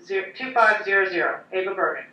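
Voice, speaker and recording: A woman's voice: mid-range voice, animated. A woman making formal school announcements over a PA system, calling out names and asking them to report to the office. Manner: brisk, formal paging of names. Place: school building. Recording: dull lo-fi loudspeaker with loud crowd noise.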